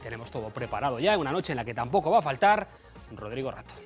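Brief: male reporter, mid pitch, even measured newsreading. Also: faint music behind. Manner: steady, informative. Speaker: news reporter. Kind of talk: scripted news report.

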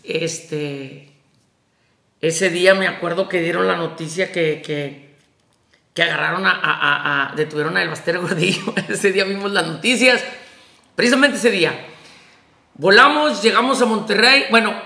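A man with a Mexican Spanish accent tells a personal story in a casual vlog, rambling and emotional, full of fillers and restarts. His voice sits high and sounds bright and gravelly. The room around him is echoey. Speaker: vlogger telling prison release story.

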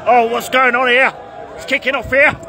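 Older bloke, high-pitched, excitable street commentary, filmed on a phone outside a stadium with a roaring crowd behind. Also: male voice, moderate pace. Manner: excitable, swearing, chatty. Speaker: vlogger filming fans. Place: outdoors by a stadium among crowds. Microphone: phone camera held while walking. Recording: loud crowd and street noise. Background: loud crowd noise.

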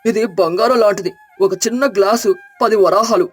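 A sly young son-in-law, put on by a woman storyteller talks big and teases, sure that he has the upper hand. The voice sits at a middle pitch over soft flute music. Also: moderate pace, husky, lightly acted. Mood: hawking. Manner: confident, sly, teasing. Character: clever, cocky young village son-in-law.

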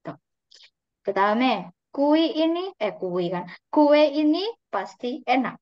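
A woman's voice: high voice, animated, no echo. A woman teaching a Korean class online, patiently drawing out example words. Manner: patient, drawn-out model pronunciations. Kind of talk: online class explaining grammar. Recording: dry, slightly dull online call audio.

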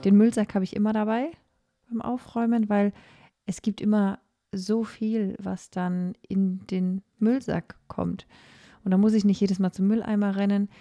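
A young woman narrates in a relaxed, chatty way, filling her pauses with little hesitations. Her voice is mellow and dark-toned. Soft music plays faintly underneath. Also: mid-range voice, no room sound, dull audio. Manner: chatty, with many fillers and pauses. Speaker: cleaning vlogger. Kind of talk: casual voice-over narration.

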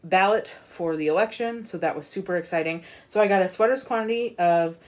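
A woman's voice: on the low side, fairly quick. A woman hosting a knitting podcast, chatting casually about her yarn purchases with lots of ums and restarts. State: has the hiccups. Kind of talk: casual show-and-tell chat.

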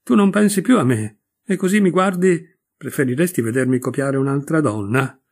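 A man's voice: a little high, moderate pace, breathy edge. A man voicing a pouting young woman in love.

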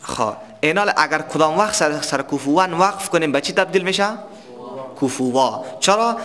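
A man teaching tajweed, explaining recitation rules and quizzing students before answering himself, with verses chanted slowly as examples. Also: on the high side, a crowd in the background. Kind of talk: tajweed lesson.

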